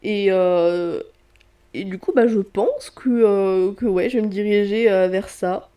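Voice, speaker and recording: A young woman chats casually into the camera about her reading. Her voice is warm and mellow. She rambles, restarts her sentences and fills the pauses with hesitations. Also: medium pitch. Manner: chatty, hesitant with many fillers and restarts. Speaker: book vlogger. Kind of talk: casual vlog chat. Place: indoor room with street traffic outside.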